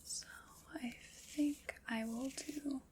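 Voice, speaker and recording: A woman in an ASMR roleplay whispers as a calm, courteous armor fitter taking measurements, slow, soft and attentive, with a gentle mood. Her voice is high-pitched with fairly even intonation, and there is background noise.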